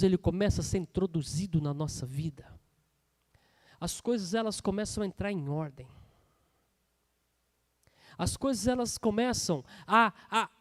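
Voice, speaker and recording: A Brazilian man in his thirties, a pastor preaching a sermon, swinging between loud bursts and hushed asides. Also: high voice. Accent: Brazilian Portuguese.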